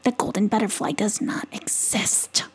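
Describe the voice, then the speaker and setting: A woman voicing a stern, skeptical mother possum in a soft whisper, for a storybook. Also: mid-range voice, steady tone, moderate pace, slight background noise, lightly acted. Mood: dismissive.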